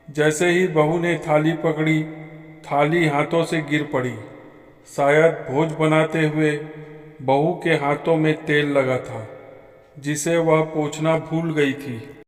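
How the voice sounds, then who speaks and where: A man reading a family story aloud as a scripted narration, speaking the quoted lines in his own voice. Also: on the high side. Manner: slow, even reading with quoted dialogue. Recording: echoey room with long reverb.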